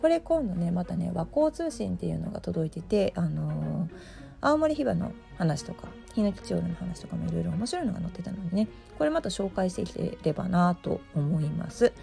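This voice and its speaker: A middle-aged woman with a gravelly, just-woken hoarse voice, chatting casually and self-deprecatingly as the host of a solo show. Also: on the low side, very animated, fairly quick, mellow, soft background music. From Osaka, Japan. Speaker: host, aromatherapy shop presenter.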